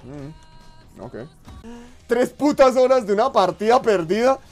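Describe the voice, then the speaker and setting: A young man with a Colombian accent, commentating his live gaming stream in a brash, profane way, muttering asides and then yelling outbursts. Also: very high-pitched, sing-song, takes it slowly, soft background music. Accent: Colombian Spanish. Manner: brash and profane, swinging between mumbled asides and yelled outbursts. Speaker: Twitch streamer.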